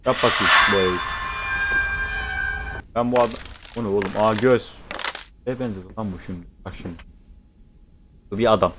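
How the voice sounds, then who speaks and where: A man's voice: fairly low pitch, moderate pace, pauses often, fairly bright tone, a little hiss or hum. A man commentating on a horror game as he plays, cursing constantly and reacting jumpily to scares. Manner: swears constantly, jumpy and panicky. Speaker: gaming streamer.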